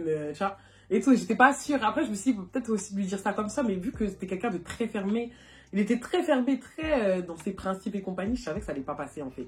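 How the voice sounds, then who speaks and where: A young woman from France talks at a brisk clip into her phone, spinning a casual storytime for her viewers. She sounds animated and chatty, with a middling pitch, and she keeps stringing thoughts together with fillers and quick laughs. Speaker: vlogger.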